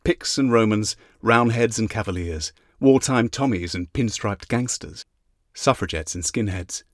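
Low-voiced man reading an audiobook. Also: measured pace, no room sound, studio quality. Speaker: audiobook narrator. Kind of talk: scripted narration.

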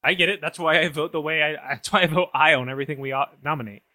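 Bright-voiced joking man, dry sound. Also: on the high side, fairly even intonation, quick pace, dry recording. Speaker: podcast co-host. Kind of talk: comedic improv sketch.

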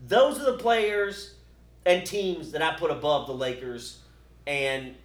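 A man with a fairly high voice argues sports with blunt, swearing conviction. He talks in a loose, animated way. The room around him is echoey. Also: slow. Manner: blunt, profane, animated, with laughs. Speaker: podcast co-host. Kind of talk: casual sports debate.

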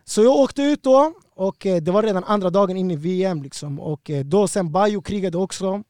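Brief: high-voiced man, animated and slangy, dry close sound. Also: no echo. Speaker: guest fighter. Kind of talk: casual storytelling.

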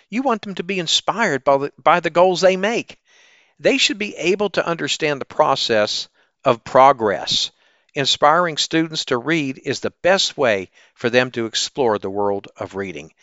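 A man speaking as a teacher and podcast host in an animated, upbeat, salesy presenting style, often posing questions to the listener. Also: mid-range voice, no echo, highs cut off. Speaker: teacher hosting an education podcast. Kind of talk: upbeat promotional ad pitch.

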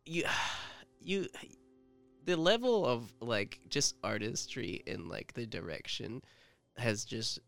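A man's voice: mid-range voice, sing-song, slow, gravelly, a bit bright, faint music behind. A man chatting casually as a podcast co-host, rambling with lots of fillers and joking asides. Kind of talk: casual fan discussion.

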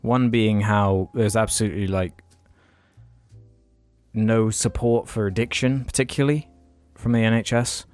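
A man's voice: lowish voice, steady tone, a little slow, a little mellow, clean tone, no room sound, faint music behind. A young man, telling a long story in casual podcast chat and swearing freely. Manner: rambling storytelling, heavy swearing. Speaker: podcast co-host.

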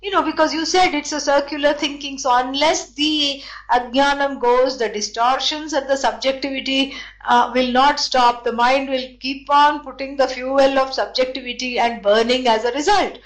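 A woman with an Indian accent teaching scripture in a deliberate, explanatory way, posing questions and then answering them. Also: high voice, steady tone, poor audio. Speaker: spiritual teacher. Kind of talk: scripture lesson with chanted verses and explanation.

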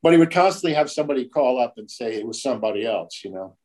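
A man's voice: mid-range voice, animated, quick pace, a little mellow, poor audio. An older man, a tattoo artist, telling stories in a casual, profane way and acting out the voices of the people in them. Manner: profane, acts out quoted voices. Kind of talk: casual storytelling.

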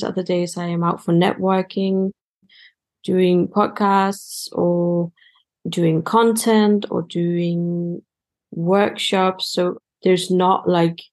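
Unhurried woman guest, hesitant phrasing. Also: lowish voice, a little mellow. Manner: hesitant, with many "like" fillers. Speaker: guest, a coach and public speaker. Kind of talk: casual conversation.

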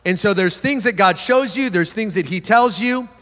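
A man's voice: sits high, moderate pace, a bit bright. A man preaching a sermon, telling a story with self-deprecating jokes and frequent restarts. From Texas. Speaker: pastor. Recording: long hall reverb.

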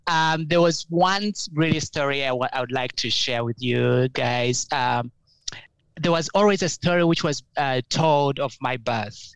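A young man with a Ugandan accent, telling his life story as an interview guest in an earnest, halting way with many fillers and restarts. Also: mid-range voice, a bit bright, smooth, no room sound, poor audio.

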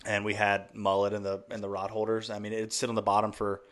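A man's voice: fairly low pitch, completely flat delivery, fast talker, fairly bright tone. A man hosting a casual fishing podcast, easygoing and chatty, laughing often. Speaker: podcast host. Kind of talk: casual chat.

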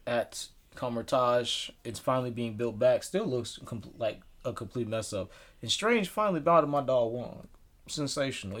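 A young man in casual chat, retelling things in a slangy, animated way and acting out quotes. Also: medium pitch. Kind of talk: casual movie recap chat.

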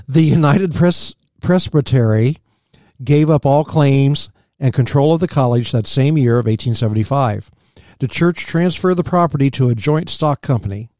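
A man, reading local history aloud as a podcast co-host, steady and plain with small slips. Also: mid-range voice, moderate pace, no room sound, studio quality.

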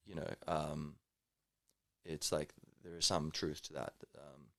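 Very low, gravelly male podcast voice. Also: steady tone, slow pace, dry recording, clean studio sound. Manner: rambling, thoughtful, peppered with like and you know. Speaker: podcast co-host. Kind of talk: casual conversation.

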